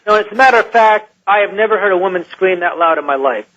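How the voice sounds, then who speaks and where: A man who is a scientist recounts an encounter in a radio interview, halting and restarting often as he talks. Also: high voice, expressive, a bit bright. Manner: halting, with many restarts and fillers. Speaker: guest scientist. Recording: muffled lo-fi radio line.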